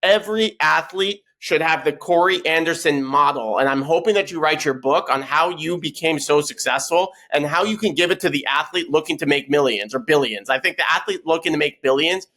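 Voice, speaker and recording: A Canadian-born man hosts a podcast with a bright, forceful voice pitched a touch high. He teases his guests and restarts sentences as he goes. The tone is loose and chatty. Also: fairly quick, few pauses. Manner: teasing, stumbles and restarts. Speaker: podcast host. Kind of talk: casual chat.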